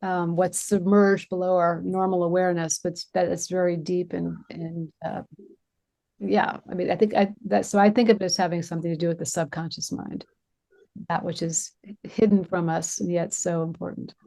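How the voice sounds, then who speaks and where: A woman's voice: on the low side, level tone, moderate pace, creaky, warm tone. A woman hosting a webinar over a video call, talking casually with many fillers. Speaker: webinar host.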